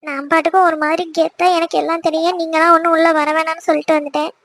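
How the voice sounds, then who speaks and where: Brief: a woman voicing an emotional, shy young cartoon wife, very high voice, dry close recording. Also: little pitch movement, very fast, a bit bright, no echo. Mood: nervous. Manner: tearful, then coy and teasing. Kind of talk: cartoon voice acting.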